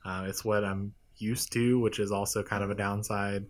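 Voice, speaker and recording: A man's voice: on the low side, level tone, normal speed. A young man in casual chat, thoughtful and hedging, often agreeing with his co-host.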